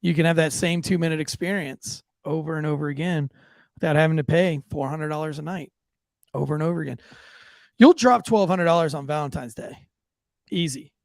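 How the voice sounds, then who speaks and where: During casual podcast banter, this male co-host jokes and swears, then reads a sponsor ad with many restarts. His voice is gravelly and on the high side, a little fast. The recording is dry.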